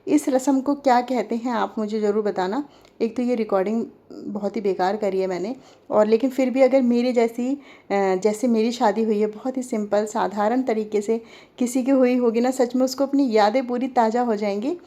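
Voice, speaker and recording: Chatty woman in her forties, mellow voice. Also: fairly high pitch, moderate pace. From Delhi, India. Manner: chatty, talks straight to viewers and asks them questions. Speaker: vlogger. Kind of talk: casual voice-over commentary on an old home video.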